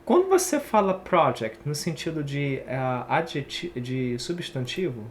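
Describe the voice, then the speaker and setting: A man's voice: a little high, big pitch swings, unhurried, slight background noise. A man from Brazil teaching an online English pronunciation lesson, casual and chatty, explaining while he writes on screen.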